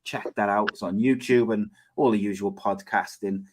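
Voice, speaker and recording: A man's voice: lowish voice, steady tone, normal speed. A man with a Cardiff Welsh accent, chatting and bantering casually as host of a sports podcast. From Cardiff, Wales.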